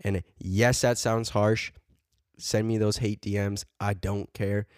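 A man's voice: on the low side, flat delivery, slow pace, darkish tone, clean tone, no echo, studio quality. A man co-hosting a podcast in casual chat, preaching with fired-up energy and dropping bro and man between points. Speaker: podcast co-host.

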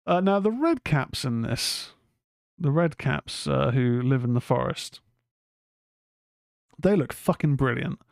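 Brief: casual podcast host, gravelly and dry, swears a lot. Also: male voice, medium pitch, lively intonation, slow pace, long pauses, dry recording. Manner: chatty, rambling, swears freely, many fillers. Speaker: film review podcast host. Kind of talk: casual film review chat.

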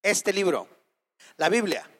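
A man's voice: high voice, animated, slow, fairly bright tone, big-room sound. A man preaching a sermon with impassioned, emphatic repetition and rhetorical questions.

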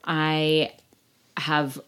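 A woman's voice: low-pitched, little pitch movement, very slow, background noise. A woman co-hosting a casual podcast chat, blunt and swearing freely, laughing often. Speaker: podcast co-host.

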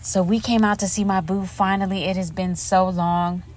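Her mid-range, darkish voice moves little in pitch and keeps a moderate pace. Alone in a hotel room closet with her podcast mic, the host rambles through frank, profanity-heavy stories in a relaxed monologue.

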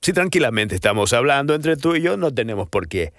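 Male voice coach, casual and demonstrative, average pitch, dry small room. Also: sing-song, brisk, no room sound. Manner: demonstrative, swings pitch and loudness on examples; chatty, self-deprecating. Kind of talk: casual voice-training lesson.

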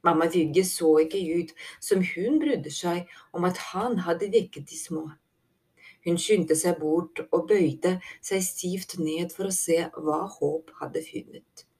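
A woman narrates an animal fantasy story in calm, measured storytelling. Her voice is fairly low and warm, with a soft, dark tone. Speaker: audiobook narrator. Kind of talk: scripted narration.

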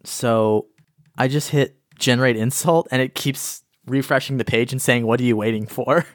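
A man's voice: medium pitch, fairly even intonation, normal speed, dry recording. Man, podcast co-host, laid-back and rambling, dry close sound. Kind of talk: casual movie review chat.

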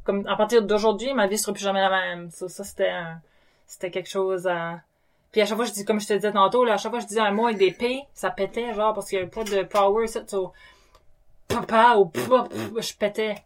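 Québécois lady guest spinning funny stories, mid-pitch, tosses english words in. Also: fast. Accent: Québécois French. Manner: lively anecdotes with English words mixed in. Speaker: guest, nurse and comedian. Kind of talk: casual storytelling interview.

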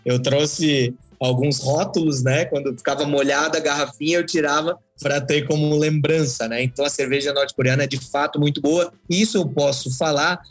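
A man's voice: on the high side, fairly even intonation, moderate pace, few pauses, no echo, faint music behind. Male guest, chatty and digressive, light voice, dry close recording. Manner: rambling, storytelling, folksy asides. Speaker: podcast guest, traveler. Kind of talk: casual podcast chat.

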